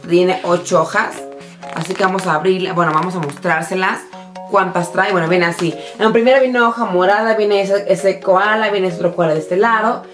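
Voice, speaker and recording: A woman chats casually through a shopping haul, her voice mid-pitched. She sounds tired yet excitable and addresses her viewers directly. Faint music plays in the background. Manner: bubbly, excitable, talks straight to viewers. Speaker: vlogger showing a shopping haul. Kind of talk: casual chatty product show-and-tell.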